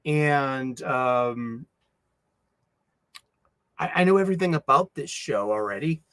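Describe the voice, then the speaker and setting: This casual livestream chat comes from a middle-aged host with a Boston accent who rambles, mumbles, restarts often and leans on fillers. His medium-pitched voice is slow and fairly bright, and the recording is dry.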